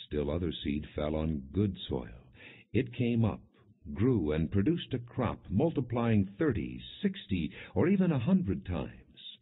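Muffled, low-fidelity audio carries a man's very low, husky voice as he narrates scripture for an audiobook. The reading is scripted and plainly delivered rather than dramatized, with a measured, solemn pace.

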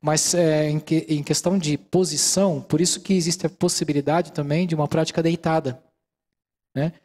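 A middle-aged Brazilian man leads a relaxed mindfulness lecture with audience questions in a large auditorium, using a handheld mic. His voice sits on the high side and moves at normal speed; he explains calmly, leans on fillers such as "né" in Brazilian Portuguese, and checks in with his listeners often.

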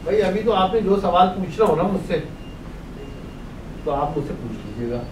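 In an indoor brick-walled meeting room, an older professor with a Pakistani Urdu accent lectures on boiler chemistry through a face mask, writing on the whiteboard and answering the questions he puts to his class. He sounds high-pitched and animated, moving at a moderate pace. The audio, from a distant room mic, is echoey and noisy.

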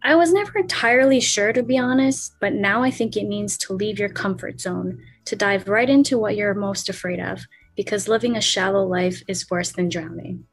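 A woman's voice: medium pitch, moderate pace, slightly rough, soft background music. Woman reading a teenage fantasy heroine: wry, thoughtful, plainly spoken. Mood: reflective. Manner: plain reading voice, lightly conversational. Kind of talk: author reading dialogue aloud.

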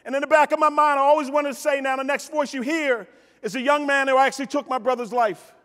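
With a very high, a bit bright voice, steady tone and quick pace, a middle-aged American man gives a motivational keynote from a large convention hall stage. He stresses his stories, repeats phrases for effect and speaks right to the crowd, all through reverberant PA sound.

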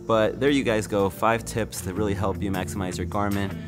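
A fitness YouTuber in his thirties gives brisk, relaxed step-by-step tips straight to the camera in a casual how-to vlog, his voice on the low side. He is miked up close in a large indoor gym, with steady background music playing under his voice.

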